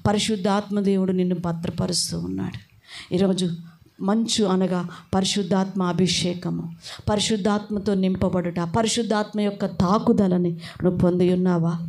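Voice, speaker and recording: A woman's voice: mid-range voice, steady tone, normal speed, gravelly, darkish tone. A woman with a Telugu accent preaching a fervent, urgent sermon that rises in exhortation.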